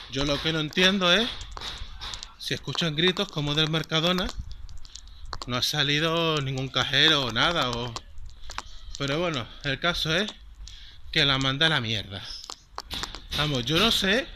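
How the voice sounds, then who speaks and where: A man's voice: on the high side, background noise. A man with a Spanish accent from Spain, telling a story in a rambling, indignant vlog. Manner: rambling and indignant, with many fillers. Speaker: vlogger. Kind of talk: casual storytelling.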